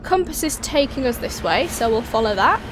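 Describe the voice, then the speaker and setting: A let's play host, a woman whose voice is raspy and hoarse from a cold, chats casually while gaming, thinking aloud as she plays. She speaks on the high side and fairly quickly, over steady game engine noise.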